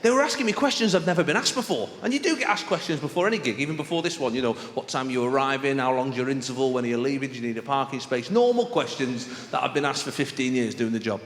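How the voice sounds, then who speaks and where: A man's voice: mid-range voice, lively intonation, fast, hardly any pauses. A man with a Mancunian accent performing stand-up comedy to a live audience, telling stories in a chatty, conversational way and acting out exchanges. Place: on stage in a large venue. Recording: echoey live hall with clear background noise.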